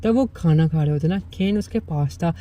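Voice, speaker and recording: A man's voice: a little high, a little fast, warm tone. A man casually retelling a comic in a chatty, buddy-style recap. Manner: chatty, keeps saying "bhai". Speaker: manga explainer.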